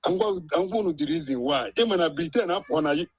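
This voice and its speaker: A Nigerian man joins a live stream as a guest, chatting casually in a mix of Igbo and English, insistently checking in with the host by asking "eh?". His voice is fairly high, animated, quick and a bit breathy, with no room sound.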